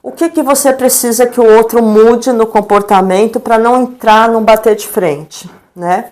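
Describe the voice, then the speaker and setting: Brazilian woman, lively storyteller. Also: fairly high pitch, normal speed. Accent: Brazilian Portuguese. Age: middle-aged. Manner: lively storyteller, acts out quoted dialogue, frequent tag questions. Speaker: educator and guest. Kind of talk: live-stream interview, storytelling.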